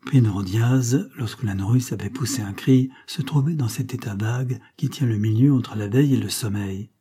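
A man's voice: mid-range voice, moderate pace, dark tone, breathy edge. A man narrating an audiobook as a dramatic scripted reading.

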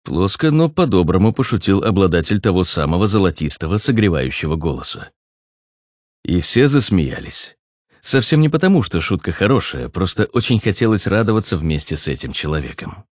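Brief: male audiobook narrator, deep voice, dry close recording. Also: big pitch swings, brisk, dry recording.

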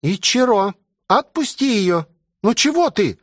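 A calm young woman speaks plainly and sensibly in this audiobook scene, performed by a male narrator. The voice sits high above his usual register, with a lively, rising melody. Her delivery is matter-of-fact, shifting to pleading when she gets upset. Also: a little slow, no room sound, clean studio sound, exaggerated voice.

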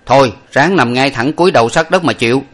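A man's voice: medium pitch, brisk, a bit bright, voice pushed up, natural voice. A man voicing a stern young male master who scolds his servant. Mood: scolding.

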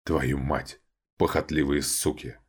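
A man doing a gruff ancient vampire count. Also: very deep voice, little pitch movement, slow, pitched below the performer's own voice, heavily acted.

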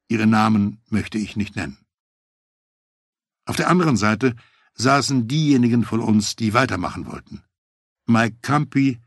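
Male audiobook narrator for a true-crime memoir; husky, lowish voice, dry close recording, measured delivery. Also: dry recording. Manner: measured, matter-of-fact first-person telling.

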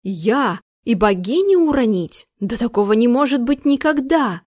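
Woman putting on a hoarse, fervent old butler. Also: lively intonation, normal speed, a little mellow. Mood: indignant. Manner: indignant, raised pitch. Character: agitated superstitious male butler captain.

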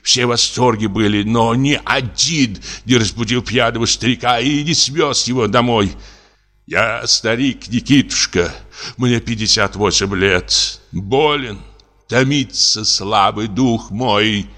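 A man voicing a drunk, frightened old comic actor in his late fifties, speaking in a slow, trembling, self-pitying lament. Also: mid-range voice, pushed and bright, big-room sound, voice pushed up. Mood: pleading. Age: older. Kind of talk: audiobook character reading.

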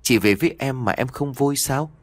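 A man's voice: medium pitch, moderate pace, no room sound, voice pushed up, close to an everyday voice. A man voicing the sad, tender ghost of a teenage girl in an audio story. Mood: sorrowful.

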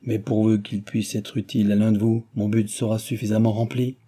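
A man's voice: lowish voice, little pitch movement, a little fast, warm tone, natural voice. A man voicing a reserved young heiress in an audiobook, speaking in a polite, cool and firm way.

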